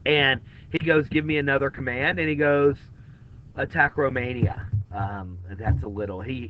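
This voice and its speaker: A man lecturing to his class, casual and direct, as if talking to the students in the room. The recording is a little muffled and lo-fi. A faint hiss sits under his voice. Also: medium pitch. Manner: conversational, addresses students directly. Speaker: history teacher.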